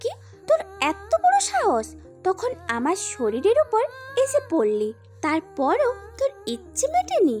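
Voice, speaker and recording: A woman voicing a feisty, sharp-tongued young woman in an audio story drama, teasing and scolding. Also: very high voice, huge pitch swings, unhurried, faint music behind, heavily acted.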